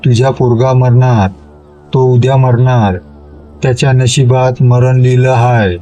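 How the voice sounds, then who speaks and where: A man's voice: medium pitch, little pitch movement, a little slow, mellow, soft background music, lightly acted. A man voicing a menacing male demon spirit in a spoken horror story, talking in a growling, cackling manner.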